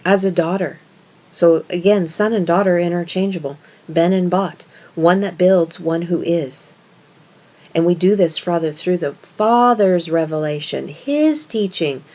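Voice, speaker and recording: A woman with a fairly low voice speaks as a religious teacher, walking through an esoteric scripture lesson. She explains in an instructive manner and puts emphasis on key words. The recording is slightly dull and lo-fi. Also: a little mellow.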